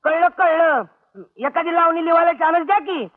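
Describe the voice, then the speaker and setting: Cheeky village joker, high teasing voice, tinny old film sound. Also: male voice, steady tone. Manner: teasing, laughing, quick. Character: cheeky young village prankster, loud and playful. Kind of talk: 1980s film comedy acting.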